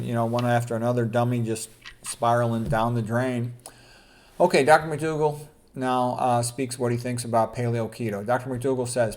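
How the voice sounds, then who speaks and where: Mid-range with a darkish tone, this doctor's voice carries an informal health lecture. Between quotes he reads aloud, he throws in colloquial, blunt and opinionated remarks.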